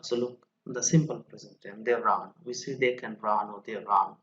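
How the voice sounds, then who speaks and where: A man teaching English grammar in an online lesson, slowly explaining rules and reading example sentences aloud. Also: lowish voice, steady tone, fairly bright tone, lo-fi sound.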